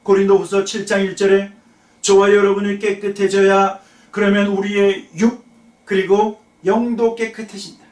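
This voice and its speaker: A man preaching a sermon as pastor, slowing to read scripture and putting questions to the congregation. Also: sits high, completely flat delivery, a little mellow. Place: church sanctuary. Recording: echoey church hall, mic at a distance.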